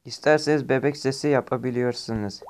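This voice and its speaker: A man's voice: medium pitch, steady tone, a little fast. Man giving an app walkthrough, noisy recording. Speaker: app tutorial presenter. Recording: noisy amateur recording with clicks.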